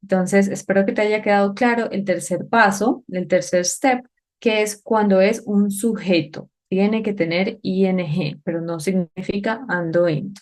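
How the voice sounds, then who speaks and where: Speaking at medium pitch with a steady, darkish tone, a woman works through an English grammar lesson on a whiteboard. She breaks it down step by step, checks comprehension with questions, and reads the English examples slowly and carefully.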